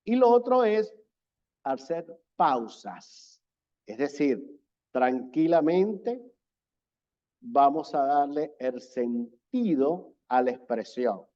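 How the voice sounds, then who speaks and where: Man, speaking instructor, slow measured lecturing, mellow tone, slightly dull lo-fi audio. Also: fairly high pitch, big pitch swings. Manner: slow, deliberate delivery with repeated emphasis. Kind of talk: online presentation lecture.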